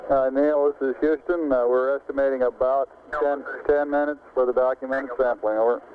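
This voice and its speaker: A man's voice: medium pitch, steady tone. Man on tinny astronaut radio. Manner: measured, formal, procedural phrasing. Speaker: mission control radio communicator. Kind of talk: astronaut radio procedure talk. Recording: tinny, hissy 1960s space radio link.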